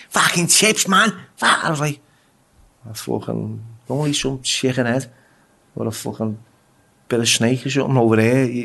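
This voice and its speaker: In casual interview storytelling, a guest from England recounts raw tales from prison. He has a mid-range, gravelly, fairly bright voice, curses freely, and often stammers and repeats himself.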